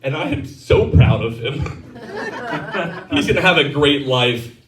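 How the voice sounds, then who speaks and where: A man's voice: a little high, wildly swooping pitch, slow, a crowd in the background. A man doing a crude, self-mocking stand-up set on a comedy club stage. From Texas. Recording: roomy club sound from a distance.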